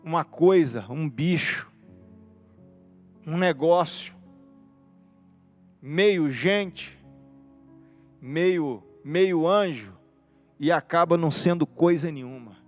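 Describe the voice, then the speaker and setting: A man's voice: a little high, takes it slowly, long pauses, soft background music. A man preaching a sermon, impassioned, driving his points home in repeated emphatic lists.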